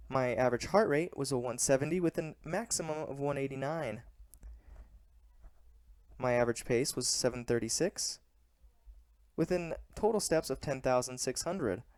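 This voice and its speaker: A man with a smooth, clean voice narrates his vlog in a plain and measured way. The sound is dry and close, with little room to it. He reports earnestly, like someone giving a personal recap of his training. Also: medium pitch, a little mellow, no echo. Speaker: running vlogger.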